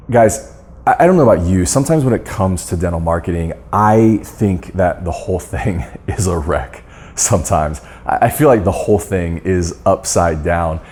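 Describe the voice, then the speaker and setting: A man's voice: low voice, a little mellow. A man giving a storytelling talk on marketing, earnest and often restarting his sentences. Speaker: guest speaker on dental marketing. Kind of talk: storytelling talk to course members.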